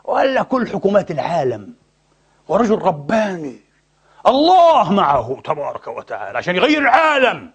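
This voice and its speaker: A man giving an impassioned religious lecture, scornful and full of rhetorical questions, jumping from loud outbursts to near-whispers. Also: high voice, huge pitch swings, moderate pace, husky. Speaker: preacher.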